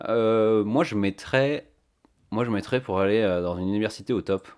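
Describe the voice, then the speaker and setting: A man's voice: on the low side, normal speed, darkish tone, smooth. A man chatting casually to his stream viewers, thinking aloud with many fillers on a cheap microphone. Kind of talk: casual live-stream chat.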